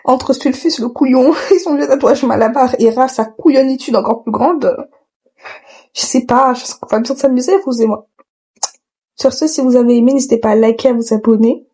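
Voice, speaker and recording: Reaction host: a woman, outspoken and joking, warm mellow tone. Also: sits high, normal speed, husky. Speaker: YouTuber reacting to a cartoon. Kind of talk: casual reaction commentary.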